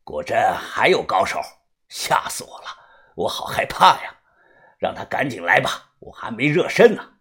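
A storyteller voicing a cocky, crude male martial arts master who drawls slowly and mockingly. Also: mid-range voice, sing-song, a bit bright, husky, voice pushed down, full character voice.

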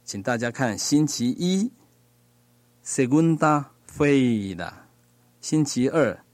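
A man teaching a language lesson, reading words slowly and pronouncing each one with care. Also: medium pitch, no echo. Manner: slow, deliberate, pronouncing each word carefully. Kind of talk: slow recorded language lesson.

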